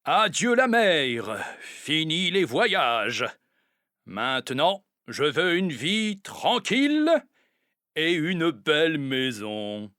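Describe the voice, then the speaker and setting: A man's voice: on the high side, sing-song, very slow, bright, forceful tone, dry recording, clean studio sound, heavily acted. A man playing a cheerful retired seaman. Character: retired male sea captain, cheerful and settled.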